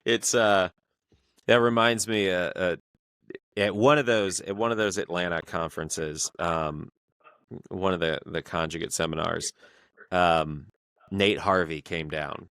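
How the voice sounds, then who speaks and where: A man with a very low voice hosts a podcast in a casual back-and-forth. He tells long stories in a halting way, full of fillers and restarts, and the sound is close and dry. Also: fairly bright tone, clean tone, dry recording. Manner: halting, filler-heavy storytelling. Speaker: podcast host.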